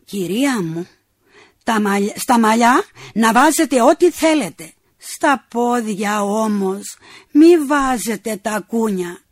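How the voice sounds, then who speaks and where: A woman's voice: on the high side, sing-song, vocal fry, husky, no room sound, clean studio sound, full character voice. A woman voicing a fussy, irritable older man who complains about his neighbours' noise, in a read-aloud humorous story. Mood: exasperated.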